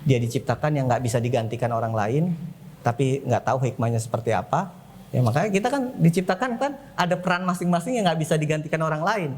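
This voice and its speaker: A man's voice: animated, fast, a little mellow, a little hiss or hum. Conversational man giving a parenting seminar. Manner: conversational, acts out dialogues with rising pitch. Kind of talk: educational seminar talk. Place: school seminar room.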